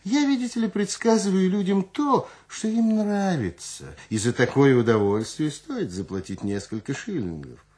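A man's voice: a little high, lively intonation, normal speed, darkish tone, voice pushed up, lightly acted. Man putting on a shrewd old fortune-teller woman. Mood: nonchalant.

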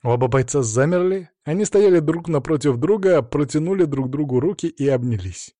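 A man narrating an audiobook in the first person, in steady, measured storytelling. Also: on the high side, no echo, clean studio sound.

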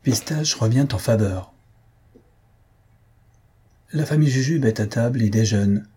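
A man narrating an audiobook in a measured, unhurried way. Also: medium pitch, mellow, breathy edge. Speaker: audiobook reader.

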